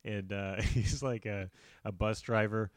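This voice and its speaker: A man's voice: on the low side, fairly even intonation, unhurried, no echo. Laughing, storytelling man on a dry mic. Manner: loose, laughing storyteller who acts out quoted people. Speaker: stand-up comedian and podcast co-host. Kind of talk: casual chat.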